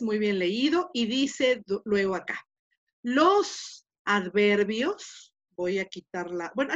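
A woman with a Mexican Spanish accent teaching a Latin class online, explaining patiently step by step with many rhetorical questions. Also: medium pitch. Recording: dull lo-fi online class audio.

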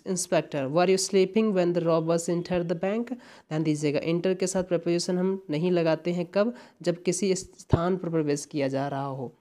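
A woman's voice: on the low side, dark tone. A woman with an Indian accent teaching an exam-prep English lesson, explaining patiently and repeating words to check understanding.

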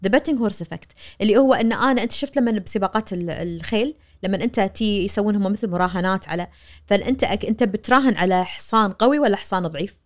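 On a studio podcast, a fast-talking guest, a Kuwaiti media professor in her forties, gets animated as she explains, gesturing and acting out quoted voices. Her accent is Kuwaiti Arabic, and she speaks into a boom-arm studio mic.

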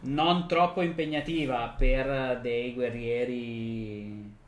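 A man's voice: medium pitch, steady tone, takes it slowly. A man acting as game master, casually narrating and explaining a tabletop role-playing game. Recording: roomy echo, clear background noise.

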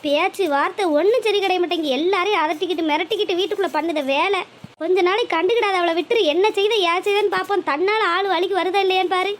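A fretful middle-aged village mother in a cartoon. She talks in long pleading runs of advice, her voice pitched very high. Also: quick pace. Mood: advising. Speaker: cartoon voice actor. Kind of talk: cartoon voice acting.

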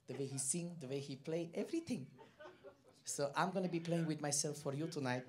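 A male comedian with a put-on Armenian accent, doing live stand-up in broken, halting English on a comedy club stage. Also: a little high, background noise. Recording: live club recording with crowd and piano. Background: audience laughter and piano.

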